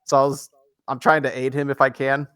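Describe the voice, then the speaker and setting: A man's voice: medium pitch, completely flat delivery, fairly quick, a bit bright, smooth, no echo, studio quality. A man playing in an online tabletop game, talking casually and rambling, often restarting his thoughts. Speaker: player.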